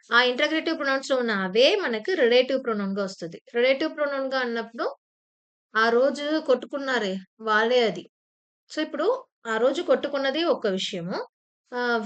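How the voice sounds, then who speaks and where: Patient Telugu-speaking woman teacher, high voice. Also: a bit bright, clean tone. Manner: explains patiently with repeated examples and fillers; acts out short example phrases with sudden emphasis. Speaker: English teacher. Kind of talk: exam-prep lecture in Telugu mixed with English terms. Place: online class recording.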